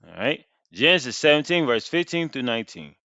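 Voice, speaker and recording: A man's voice: mid-range voice, sing-song, brisk, pushed and bright, no room sound. A man teaching a Bible lesson, reading verses and then paraphrasing them in everyday slang. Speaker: street preacher teaching scripture. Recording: dry, dull lo-fi sound.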